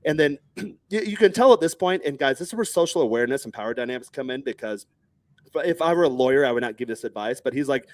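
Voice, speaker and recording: Brief: man in his thirties from Texas, animated storyteller in a rapid, dry-sounding podcast chat. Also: mid-range voice, no echo. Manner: animated, acts out other people's lines in raised voices, swears freely.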